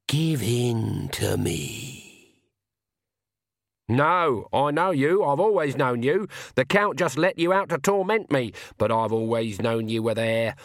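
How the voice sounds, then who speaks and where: Tough old witch, sharp and defiant, as a male narrator puts her on; pitched well up. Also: vocal fry, no room sound, clean studio sound, full character voice. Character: stern, stubborn elderly witch woman.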